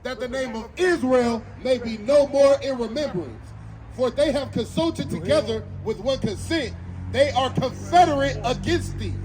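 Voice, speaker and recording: Very high-voiced man chanting scripture. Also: moderate pace, over music, poor audio. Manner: emphatic, chanting affirmations. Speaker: preacher's companion reading scripture. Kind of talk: street preaching, scripture reading. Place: outdoors on a city street. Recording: outdoor street crowd noise.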